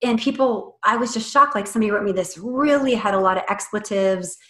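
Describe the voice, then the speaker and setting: A woman guest on a podcast chats casually and animatedly about a book she wrote, laughing often. Her voice is medium-pitched, fairly quick, and sharp-toned, and the recording has a roomy echo.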